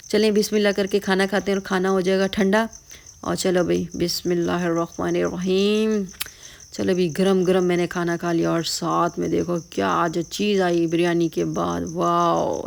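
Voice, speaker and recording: A tired vlogger chats casually with her viewers, often calling them "janab." Her voice is on the low side, creaky and hoarse with fatigue.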